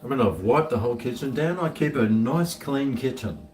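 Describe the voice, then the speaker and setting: A man's voice: mid-range voice, animated, moderate pace, a little mellow. A man with a broad New Zealand accent chatting casually to viewers, rambling and thinking aloud in a laid-back way. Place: indoors, home kitchen. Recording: echoey room, distant mic, faint noise.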